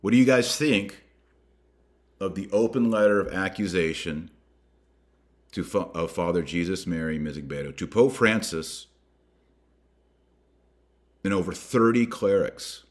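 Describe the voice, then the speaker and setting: In a religious podcast, a man with a low, deep voice urges his listeners forcefully and preachily. He uses dramatic pauses and repetition to add weight and mixes casual phrasing into his exhortation.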